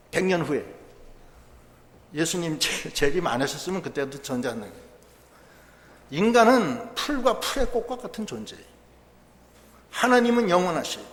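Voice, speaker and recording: A man preaches in a church, explaining scripture in a conversational, emphatic way. His voice sits a bit high for a man. The sound is roomy, with a long hall tail. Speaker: pastor. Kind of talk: sermon. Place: church sanctuary.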